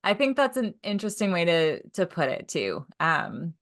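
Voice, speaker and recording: A woman's voice: fairly low pitch, big pitch swings, moderate pace, fairly bright tone. A woman co-hosting a podcast, speaking thoughtfully and asking probing questions. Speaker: podcast co-host. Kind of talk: casual podcast discussion.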